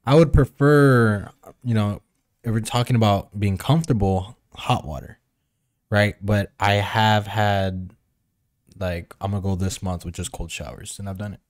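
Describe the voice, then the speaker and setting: A young man with a slightly deep voice co-hosts a podcast. He talks in an informal, conversational way into a table microphone in a small studio. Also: steady tone, measured pace. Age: young adult. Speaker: podcast co-host. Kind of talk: casual chat. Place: small indoor studio with padded walls.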